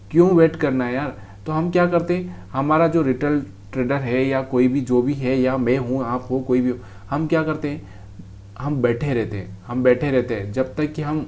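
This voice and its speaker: Man, fairly high voice, casual chart lesson, addresses viewer as brother. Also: a little mellow. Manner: talks straight to the viewer, calls them brother. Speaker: trading teacher. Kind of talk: casual explanation over a chart.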